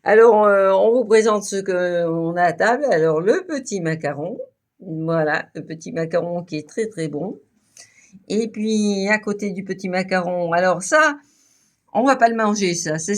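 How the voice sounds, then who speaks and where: A woman hosting a casual video, chatting playfully about sweets with lots of fillers and restarts, a little tipsy from champagne. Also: medium pitch. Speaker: video channel host. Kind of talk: casual food presentation to camera.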